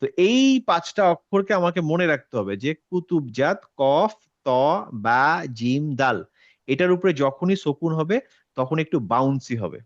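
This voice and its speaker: A man's voice: fairly high pitch, expressive, a little slow, no echo, lo-fi sound. A man teaching an online recitation class, patiently repeating words to drill pronunciation.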